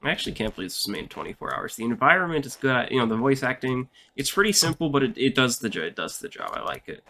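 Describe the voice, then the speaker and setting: A man hosting a gaming video, chatting casually over gameplay with loud, excited reactions. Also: medium pitch, fast, gravelly, hardly any pauses, a little hiss or hum.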